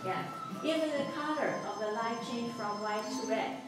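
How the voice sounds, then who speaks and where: A woman's voice: fairly high pitch, normal speed, recorded from a distance, loud music behind the voice. A woman with a Chinese accent working as a cave tour guide, explaining and pointing out sights to a group as her voice echoes through the cave. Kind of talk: live guided tour commentary. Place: inside a large show cave. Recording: echoey cave, long reverb, loud noise.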